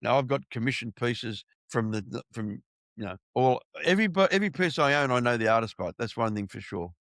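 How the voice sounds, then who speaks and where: A man's voice: mid-range voice, lively intonation, fast talker, a bit bright, dry recording, clean studio sound. Blunt, sweary Australian man hosting. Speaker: podcast host. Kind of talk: casual interview chat.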